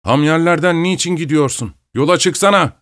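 A man voicing an angry, irritable male postman who yells curses. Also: medium pitch, a little slow, dry recording, studio quality, natural voice. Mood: furious. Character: angry shouting middle-aged male postman.

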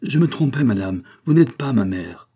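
Defiant storybook boy, firm indignant questions, read by a man; husky, dark. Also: mid-range voice, animated, normal speed. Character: young boy, hurt and defiant son.

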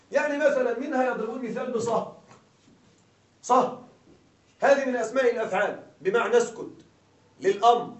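A man's voice: very high-pitched, distant mic. A man giving a grammar lesson to a class, often repeating questions to check that the listeners follow. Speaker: grammar teacher. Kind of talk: classroom lecture. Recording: echoey dull room sound from afar.

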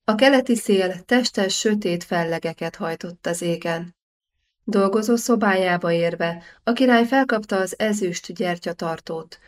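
A woman reading a historical novel aloud as an audiobook narrator, measured and steady. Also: lowish voice. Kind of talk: scripted narration.

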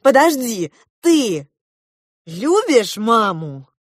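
A woman's voice: a little high, sing-song, no room sound, clean studio sound, voice pushed up, full character voice. A woman reading an audiobook, voicing an earnest eleven-year-old girl who asks questions insistently. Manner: insistent, presses questions slowly.

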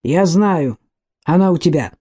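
A vain, handsome man, as a female narrator reads him, brash and demanding, speaking in a storybook reading. The tone stays low and mellow, close to the reader's own voice, pushing each line forward. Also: lively intonation, measured pace, husky. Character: vain handsome man, pushy and self-assured.

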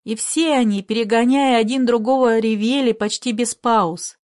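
A woman narrating a literary story in a measured, expressive reading style. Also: a little high.

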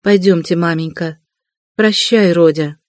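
A reader voicing a proud young woman, quick to flare up yet gentle with her brother. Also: medium pitch, dry recording, lightly acted. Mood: earnest. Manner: hushed then indignant.

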